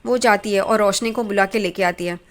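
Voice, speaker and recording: A woman's voice: medium pitch, a little fast. A woman casually retelling a TV serial episode, speaking in plain storytelling with small restarts and reading lines of dialogue aloud. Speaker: TV serial recap narrator. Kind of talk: casual spoken episode recap.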